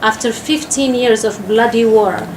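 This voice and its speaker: A woman in her thirties from refugee camps in Algeria, an activist giving a public statement in an earnest, halting way with frequent pauses. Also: fairly high pitch. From Sahrawi refugee camps in Algeria. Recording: echoey room with faint noise.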